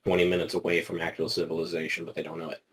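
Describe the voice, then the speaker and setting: A man's voice: deep voice, monotone, racing, a bit bright, slightly rough. A man co-hosting a casual podcast, swearing often and joking with enthusiasm. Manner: profane, enthusiastic, jokey. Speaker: podcast co-host. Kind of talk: casual chat.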